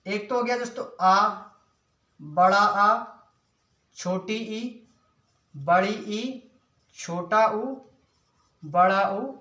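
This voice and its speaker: A man's voice: high voice, very slow, pauses often, bright, forceful tone, echoey room. A male teacher giving an exam-prep lesson, asking the class a question and then answering it himself, calling his viewers friends again and again.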